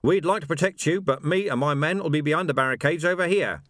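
Man doing a gruff sergeant barking orders. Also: a little high, fast, no room sound, clean studio sound, pitched above the performer's own voice, lightly acted. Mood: commanding. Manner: shouting orders. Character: gruff weary male watch sergeant, commanding. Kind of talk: audiobook character voice.

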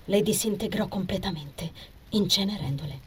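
A woman reading a fantasy novel aloud as an audiobook narrator, in an expressive, theatrical way with sudden swings between hushed and loud passages. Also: mid-range voice, normal speed, a little hiss or hum. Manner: expressive, theatrical reading with sharp shifts in loudness.

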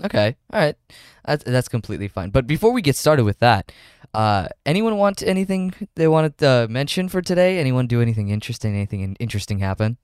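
A young man hosting a casual podcast chat, easygoing and a bit rambling. His voice is smooth and resonant at an ordinary pitch, recorded dry and close. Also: very animated, fast talker, darkish tone, no echo. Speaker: podcast host.

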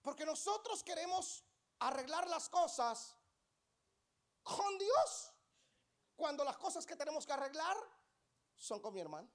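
A woman preaching a sermon in an animated way, acting out short exchanges and putting questions to her listeners. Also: sits high, normal speed. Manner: animated, acts out little dialogues, quizzes the congregation.

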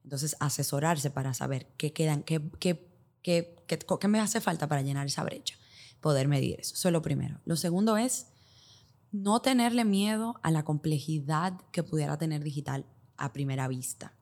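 Her voice is deep and a little mellow, with lively intonation at a normal speed. She's a podcast guest with a Dominican accent offering expert explanations in Spanglish, dropping English business terms in and building hypothetical scenarios as she's interviewed.

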